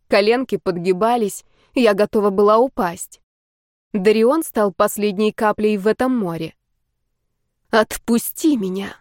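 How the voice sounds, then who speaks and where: A woman narrates a first-person audiobook in a steady, even storytelling manner. Her voice sits at a medium pitch. The sound is dry and close, with no room echo. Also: normal speed.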